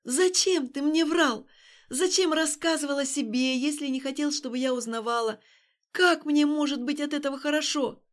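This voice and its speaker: A woman's voice: high-pitched, normal speed, pitched above the performer's own voice, natural voice. A woman reading an audiobook, voicing a betrayed young woman with pleading, tearful outbursts. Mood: hurt, pleading.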